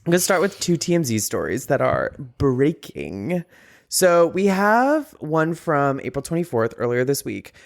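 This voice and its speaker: Man, podcast host, slightly high voice, joking and playful, casual chat. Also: very animated, measured pace, vocal fry. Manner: joking, laughs often, camp.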